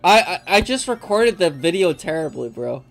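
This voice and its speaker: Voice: mid-range voice, big pitch swings, moderate pace, creaky, soft background music. A young adult livestreamer chatting loosely while gaming, joking and swearing casually.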